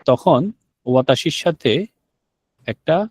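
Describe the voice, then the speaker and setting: In a slow, darkish mid-range voice, this man leads an online language lesson. He breaks explanations into steps, puts questions to the students, and repeats the important words.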